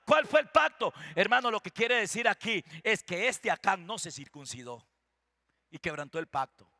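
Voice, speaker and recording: A Costa Rican man preaching with fervor. His voice sits very high and has a bright, gravelly edge. The sound is dry and close, and he keeps turning to the congregation with pointed questions. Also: lively intonation, moderate pace, dry recording. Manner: fervent, keeps calling out to the congregation; rhetorical questions to the listeners. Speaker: pastor. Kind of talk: sermon.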